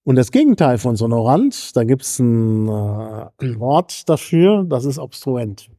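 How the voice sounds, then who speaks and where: Dark-voiced German lecturer clearing throat. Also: male voice, medium pitch, sing-song, unhurried, no echo, clean studio sound. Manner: frequent fillers, throat-clearing and self-corrections; tag questions ("ne?") to students. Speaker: university lecturer. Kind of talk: university lecture.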